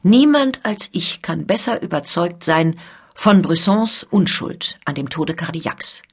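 A woman reading the part of a proud, soldierly male count who is a guard colonel, in a measured, emphatic manner. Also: on the low side, expressive, husky, exaggerated voice.

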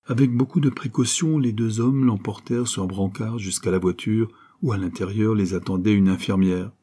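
A man reading a classic novel aloud in steady, even narration. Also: on the low side, moderate pace, breathy edge. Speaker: audiobook reader.

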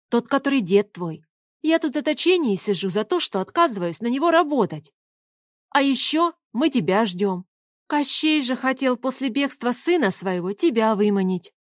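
A woman's voice: a little high, animated, normal speed, dry recording, clean studio sound, close to an everyday voice. A woman reading an audiobook, voicing a spirited, teasing young woman with a mocking, bossy manner.

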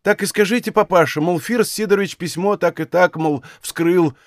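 Fawning old village postmaster, pleading and higher than the reader's own voice, done by a male narrator. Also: normal speed, no echo, clean studio sound, lightly acted. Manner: pleading, apologetic.

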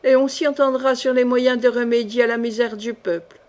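A woman's voice: fairly high pitch, fairly even intonation, fairly quick, a little mellow, natural voice. A woman voicing a solemn royal herald who gives a ceremonious, formal summons in an audiobook.

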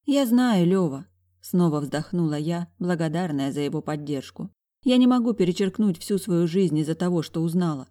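A woman narrating a first-person audiobook, reading the dialogue with emotional, expressive delivery. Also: fairly low pitch, moderate pace.

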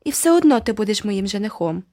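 A woman's voice: mid-range voice, big pitch swings, quick pace, mellow, no echo, studio quality. A woman voicing a prim, haughty seven-year-old girl who insists stubbornly. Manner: stubborn and superior.

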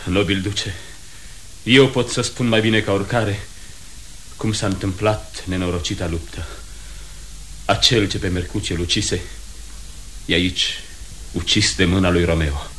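A man's voice: low voice, fairly even intonation, pushed and bright, slight background noise. An earnest young nobleman witness. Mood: earnest recounting. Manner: measured, detailed retelling. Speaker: Benvolio. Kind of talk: radio play acting.

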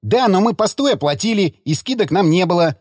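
A man doing a brash, hot-tempered young grumbler, pitched high. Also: expressive, no echo, studio quality. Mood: indignant. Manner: loud, mocking and quick to bicker.

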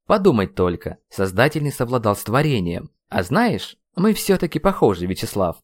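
A man voicing an older wizard mentor in an audiobook, speaking in a calm, grave baritone. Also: dry recording. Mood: sorrowful. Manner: grave and measured. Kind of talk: audiobook character voice.

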